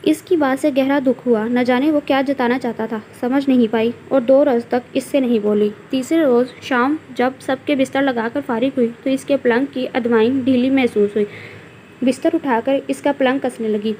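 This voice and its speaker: A woman reading a novel aloud, narrating in a steady storytelling manner. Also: high voice, normal speed, slight background noise.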